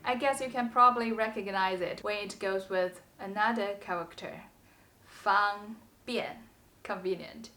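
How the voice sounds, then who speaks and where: A woman with a Mandarin Chinese accent teaching a scripted language lesson. She speaks slowly and carefully and says each example sentence twice. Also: mid-range voice, fairly even intonation, bright, forceful tone.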